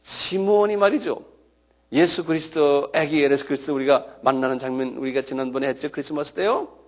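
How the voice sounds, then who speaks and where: A man preaching a sermon as a pastor, animated, with sudden loud shouted cries, often checking the listeners with a quick question. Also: on the high side.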